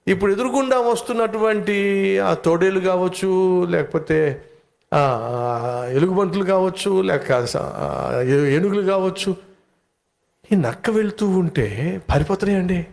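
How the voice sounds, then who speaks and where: A man preaching a sermon, telling an animal story in an animated way and putting questions to his listeners. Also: high-pitched, unhurried, vocal fry, long pauses.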